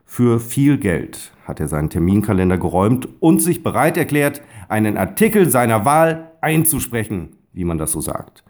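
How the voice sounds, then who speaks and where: A man with a Westphalian accent reads his own blog aloud, scripted and wry. He pokes fun at himself and leans on the words he wants to stress. His voice sits somewhat low. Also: big pitch swings, moderate pace, hardly any pauses, darkish tone. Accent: Westphalian German. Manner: wry, self-ironic, with heavy word stress. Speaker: blogger and voice-over speaker.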